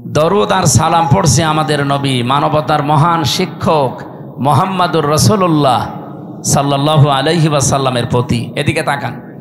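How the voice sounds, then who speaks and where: A man's voice: fairly high pitch, normal speed, faint music behind. A Bangladeshi man preaching an Islamic sermon over a PA system, exhorting listeners with rhetorical questions and calls for a response. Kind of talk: fiery sermon addressed to a crowd.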